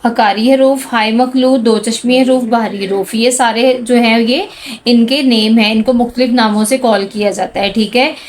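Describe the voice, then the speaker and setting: A woman teaching a handwriting lesson to children, speaking slowly and patiently and calling out each letter sound as she writes. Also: a little high, steady tone, a little hiss or hum. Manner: slow, patient, addresses students as "beta"; calls out letter sounds one by one while writing.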